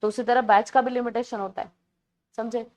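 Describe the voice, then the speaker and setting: A woman's voice: a little high, steady tone, moderate pace, darkish tone. A woman teaching grammar in an online exam-prep class, explaining patiently in Hindi mixed with terms, repeating key words and calling her students beta.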